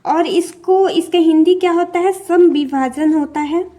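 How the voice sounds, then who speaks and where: A young woman giving an exam-prep lesson in Hindi and English, her voice high and mellow. She talks slowly, repeats each key term and keeps checking that her listeners follow. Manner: repeats key terms and checks in with "theek hai". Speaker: teacher.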